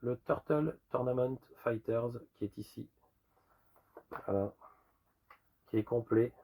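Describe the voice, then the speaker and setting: A man with a rusty, hoarse voice worn by a lingering cough, casually presenting a collection in an informal, rambling show-and-tell. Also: mid-range voice, slow pace, dark tone, slight background noise, rough recording. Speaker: retro game collector presenting a sale.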